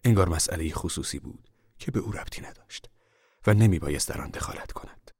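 A male narrator with an extremely deep voice reads a literary drama in a measured, solemn way. The recording is dry and close, with no room sound. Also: darkish tone, husky, no room sound, in a whisper.

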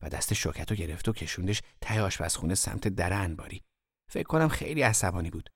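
Low-voiced male storyteller. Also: very animated, husky, dry recording, clean studio sound. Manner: conversational, storytelling. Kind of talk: first-person audiobook narration.

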